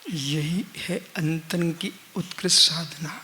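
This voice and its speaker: A man giving a live religious sermon as a monk, teaching slowly with repeated refrains and rhetorical questions, his voice swinging from loud emphasis down to near-hushed lines. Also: fairly high pitch, slight background noise. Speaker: monk preacher.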